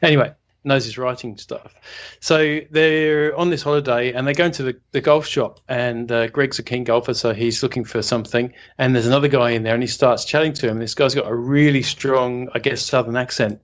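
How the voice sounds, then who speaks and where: A man co-hosting a relaxed conversation about storytelling. His voice sits in an ordinary middle pitch. He tells anecdotes in a rambling, chuckling way. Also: brisk, lo-fi sound. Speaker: podcast co-host. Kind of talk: casual craft discussion.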